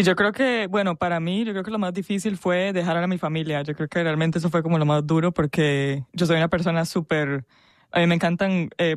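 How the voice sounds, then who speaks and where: A woman in her 20s from Costa Rica chats as an interview guest, warm and talkative, laughing often and using lots of small fillers. Her voice is deep, and the recording is dry with clean studio sound.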